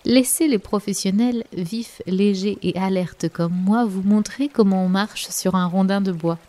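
A woman's voice: lowish voice, moderate pace, mellow, natural voice. A woman voicing a vain, cunning male wolf in a children's storybook, who talks in a mocking, teasing way. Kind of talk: storybook voice acting.

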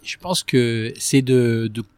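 A man speaking as a guest in a relaxed interview, his voice sitting in a middle register. He hesitates often, repeating small words before pushing his thought through. The sound is dry and close, with no room around it. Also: medium pitch, slow, clear, resonant tone, dry recording. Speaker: guest, business executive. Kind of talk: conversational interview.

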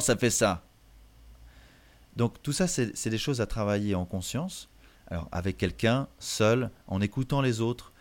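A man of middle pitch talks as a voice coach in a relaxed interview. His delivery is animated and hands-on, with frequent restarts as he explains how the voice works.

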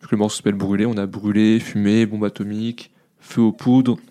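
A man with a somewhat low voice hosts a relaxed album-review chat. He talks informally and gets halting, repeating his words when a track moves him. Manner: hesitant, repeats himself when moved. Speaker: podcast co-host reviewing a rap album. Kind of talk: casual chat.

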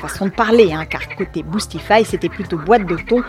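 A woman's voice: lowish voice, fairly quick. A woman reading a scripted second-person story with wry, ironic asides and a few slangy touches. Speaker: narrator.

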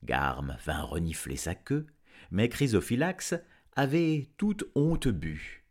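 A man reading a storybook aloud in an expressive, lively storytelling manner. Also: fairly low pitch, takes it slowly. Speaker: audiobook reader. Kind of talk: storybook narration.

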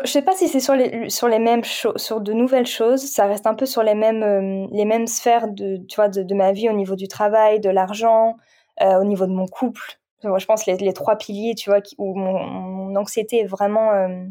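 A woman from France speaks as a podcast guest, her voice soft and warm rather than bright. She talks casually and openly, reflecting as she goes, with frequent halting restarts. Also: mid-range voice, steady tone. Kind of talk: casual conversational interview.

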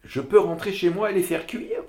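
Anxious, pleading village woman, voiced by a male reader, high-pitched, echoing room. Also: moderate pace, a little mellow, close to an everyday voice. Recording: roomy echo.

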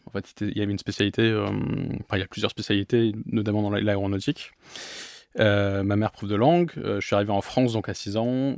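A man's voice: on the low side, darkish tone, dry recording, studio quality. A young man from England, a filmmaker guest in a casual interview, giving long rambling answers.

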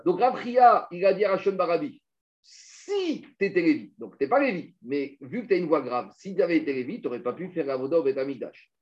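A man leads a Talmud study lesson, his voice sitting somewhat high for a man. He explains with lively energy and drops quoted Hebrew and Aramaic phrases into his talk. The sound is muffled and lo-fi. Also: fairly quick. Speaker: Talmud teacher. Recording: muffled lo-fi recording.

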